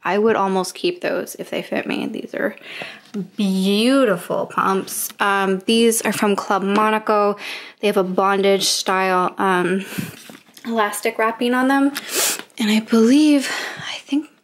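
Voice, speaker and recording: Young canadian woman vlogging her closet cleanout, chatty, lots of ums, normal mid pitch. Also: steady tone, a little slow, a little hiss or hum. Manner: chatty, with frequent ums and little laughs. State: out of breath. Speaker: lifestyle vlogger. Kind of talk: casual vlog narration. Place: home closet and bedroom.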